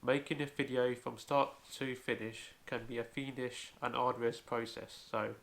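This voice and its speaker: A man with a gravelly, creaky voice at a middle pitch teaches a home-made language lesson. He explains carefully, one step at a time, and often opens with "so". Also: fairly even intonation, normal speed, fairly bright tone. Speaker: language video host.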